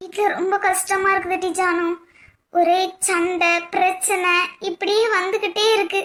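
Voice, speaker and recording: A woman voicing a sad young college student in a cartoon, speaking in a weepy, halting way. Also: very high voice, flat delivery, fairly bright tone. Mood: tearful.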